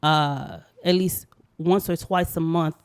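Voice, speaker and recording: A woman from Haiti, talking casually on a podcast and pausing often with ums. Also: sits low, clear, resonant tone. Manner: hesitant, many ums.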